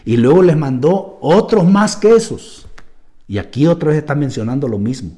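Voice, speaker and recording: Male pastor, church sermon, lively pitch swings, warm tone, dips quiet for emphasis. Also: moderate pace. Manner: emphatic, keeps addressing listeners as "hermano"; drops to a low, quiet voice for stress, then rises.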